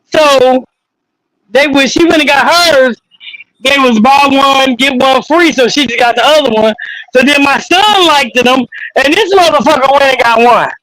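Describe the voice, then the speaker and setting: Very high-voiced blunt older woman. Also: unhurried, fairly bright tone, no echo, low-quality recording. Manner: blunt, profane, storytelling. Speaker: live panel guest. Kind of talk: casual chat.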